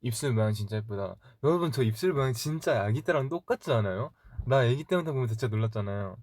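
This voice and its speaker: Here an idol livestream host, a young man in his twenties, speaks at a medium pitch in an animated way, captured in a dry recording. He answers fan comments casually, with easy laughter and rambling anecdotes, chatty throughout, often murmuring softly to himself.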